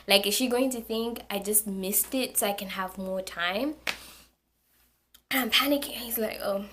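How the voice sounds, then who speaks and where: Young woman vlogger, bright, higher voice, animated storyteller who repeats words for emphasis. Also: a little hiss or hum. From Zambia. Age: young adult. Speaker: university student vlogger. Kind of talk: casual storytelling to camera.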